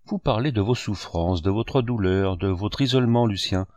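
A man's voice: lowish voice, moderate pace, darkish tone, no room sound, lightly acted. A man reading a novel aloud, voicing a young woman who is anxious and pleading with emotion.

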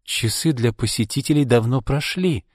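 A man voicing a timid young woman, a nursing student, speaking softly and hesitantly. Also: mid-range voice, normal speed, no echo, clean studio sound, close to an everyday voice.

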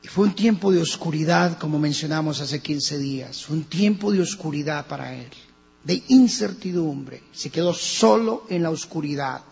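Colombian male pastor, husky and fairly high, dramatic sermon delivery, reverberant lo-fi church recording with hum. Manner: preaching with dramatic shifts between hushed and loud. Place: church hall.

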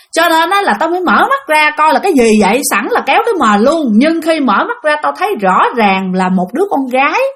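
A woman with a Southern Vietnamese accent casually narrating a ghost story, addressing her listeners directly. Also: high voice. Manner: lively, animated retelling addressing listeners.

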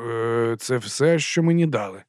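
A man's voice: on the high side, brisk, dry recording, studio quality, voice pushed up, lightly acted. Man doing a timid nervous young technician. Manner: hesitant, mumbling.

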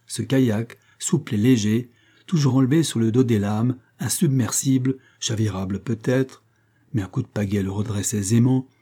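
Dark, husky male audiobook narrator. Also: mid-range voice, normal speed. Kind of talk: scripted narration.

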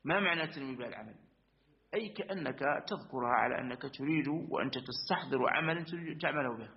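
A man teaching a lesson on Arabic grammar. He explains step by step, repeats points and affirms often, and recites verse lines slowly. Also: mid-range voice, animated, gravelly, lo-fi sound. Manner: methodical, repeats and affirms with frequent asides. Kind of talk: religious-school lesson explaining a verse text.

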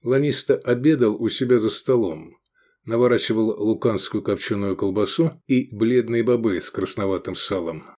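A man narrating an audiobook with expressive, animated reading. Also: on the low side, normal speed. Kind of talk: scripted narration.

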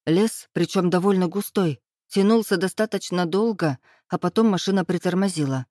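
A woman reading a first-person novel aloud in a steady, even storytelling manner. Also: lowish voice, moderate pace, no room sound, clean studio sound. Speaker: audiobook narrator. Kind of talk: first-person scripted narration.

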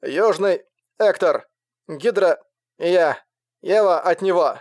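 A man voicing a desperate male soldier shouting in broken fragments over a crackly radio full of static. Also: high voice, slow pace, pitched above the performer's own voice. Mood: urgent. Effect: crackly radio transmission breaking up in static. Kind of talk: audiobook narration.

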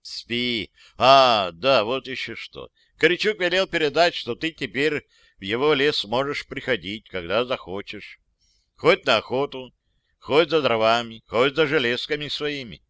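A man voicing a calm comrade's ghost. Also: mid-range voice, a little slow, no echo, clean studio sound. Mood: reassuring. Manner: quiet, reassuring. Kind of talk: audiobook character voice.

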